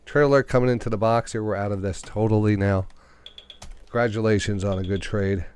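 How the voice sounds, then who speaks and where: A man's voice: on the low side, steady tone, a little fast, a little mellow, a little hiss or hum. A man with a New York accent hosting live day trading commentary, thinking aloud and talking to the market and to himself. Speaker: day trading radio host.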